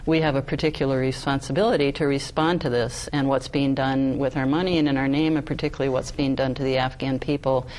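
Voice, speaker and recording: Woman, flat earnest delivery, panel talk, frequent ums. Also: a bass voice, fast talker, hardly any pauses, low-quality recording. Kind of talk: panel discussion.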